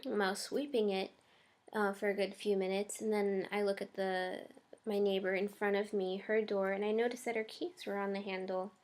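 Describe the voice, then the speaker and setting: A woman's voice: medium pitch, little pitch movement, normal speed, darkish tone. A young woman chatting casually in her first vlog, hesitant and full of ums and likes. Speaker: vlogger.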